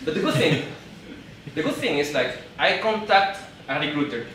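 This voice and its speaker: A Peruvian event speaker in his thirties addresses a crowd live in a big, reverberant hall, speaking English with a Spanish accent in a somewhat high, expressive and fairly bright voice. The mic sits well away from him and picks up slight hiss or hum, and his delivery is halting, full of repeated and restarted words, as he laughs together with the audience.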